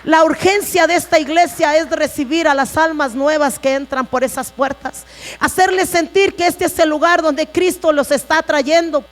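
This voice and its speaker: A woman pastor preaches a sermon earnestly, addressing her congregation as brothers and sisters. Her voice sits high, and she speaks at a normal speed.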